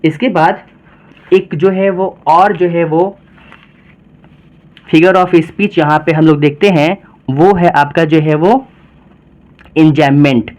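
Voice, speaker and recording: A man with a somewhat higher-pitched voice teaches a poem to students. He talks in with many filler phrases. He slows down to stretch out and repeat the key terms. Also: steady tone, a little mellow, muffled recording. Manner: heavy use of filler phrases, slow emphatic repetition of key terms.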